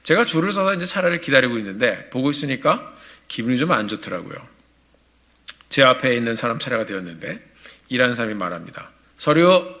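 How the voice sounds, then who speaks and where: A male pastor in his forties preaching a sermon in a church, telling a story in a lively, animated way. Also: mid-range voice, quick pace. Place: church sanctuary.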